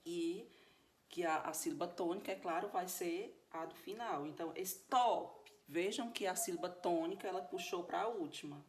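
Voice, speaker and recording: A woman's voice: on the low side, moderate pace, slight background noise. A woman with a Brazilian Portuguese accent teaching English grammar in a recorded video lesson, explaining step by step and often checking that her students follow.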